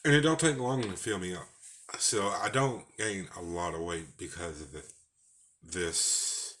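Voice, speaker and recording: Deep-voiced Texan man, rambling folksy vlog. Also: measured pace, fairly bright tone. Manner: rambling, folksy, with false starts. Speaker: vlogger. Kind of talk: casual personal vlog.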